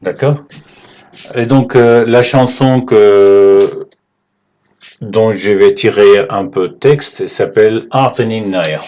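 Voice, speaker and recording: A man teaching Arabic letters at a whiteboard, explaining slowly and patiently and checking in with his students often. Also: on the low side, dark tone, lo-fi sound. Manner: slow and patient, checks in with "d'accord?". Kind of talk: whiteboard language lesson.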